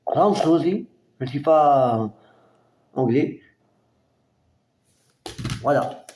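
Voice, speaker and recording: Slow, halting Frenchman in an echoey room. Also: on the high side, expressive, darkish tone. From France. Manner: slow, hesitant, halting delivery with many fillers. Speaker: record collector presenting his albums. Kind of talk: casual collection show-and-tell.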